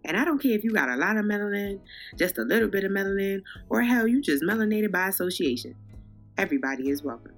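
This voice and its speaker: A young woman with a New York accent, hosting a podcast in a loud, unfiltered, casual way that speaks straight to listeners. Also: medium pitch, animated, quick pace, faint music behind. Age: young adult. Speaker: podcast host.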